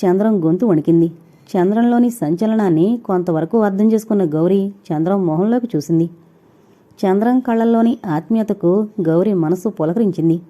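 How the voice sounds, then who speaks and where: A woman narrating a novel in a steady, even storytelling manner. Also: mid-range voice, normal speed. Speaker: audiobook narrator.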